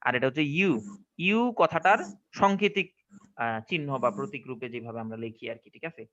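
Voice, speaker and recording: A man's voice: a little high, lively intonation, brisk, fairly bright tone, lo-fi sound. A man with a Bangladeshi Bengali accent teaching English pronunciation to a class, often asking whether they follow. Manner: questioning, checks understanding often. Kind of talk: online classroom lesson.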